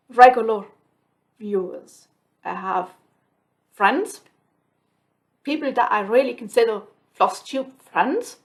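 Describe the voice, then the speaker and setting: A Swiss woman whose native language is Swiss German hosts a flosstube video, chatting casually and rambling to camera by herself at home. She has a slightly high voice. Her manner is chatty and reflective, with many ums and restarts.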